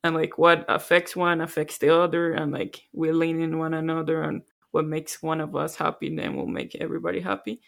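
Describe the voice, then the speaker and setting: A woman from Colombia co-hosting a podcast, speaking softly in a reflective, self-deprecating way. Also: sits low, level tone, brisk, creaky, few pauses. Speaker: podcast co-host. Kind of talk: casual podcast chat.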